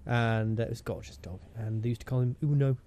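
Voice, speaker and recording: A man's voice: mid-range voice, steady tone, quick pace, dark tone. A man co-hosting a podcast, trading silly jokes and breaking into funny voices. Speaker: podcast co-host. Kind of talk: casual comic banter.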